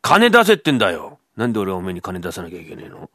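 Male rakugo teller as a blustering burglar, gruff, old Tokyo accent, loud and lively. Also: deep voice, rapid-fire, no room sound, studio quality, exaggerated voice. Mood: threatening. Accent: old Tokyo downtown speech. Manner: gruff, shouting threats, rough slang. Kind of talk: rakugo storytelling. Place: radio studio.

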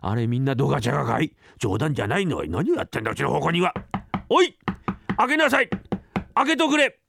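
A man's voice: mid-range voice, very animated, racing, vocal fry, slight background noise. A man voicing a stingy, fussy old male shop master in a comic rakugo tale, grumbling and scolding. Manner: grumbling, scolding, muttering to himself. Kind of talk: rakugo storytelling.

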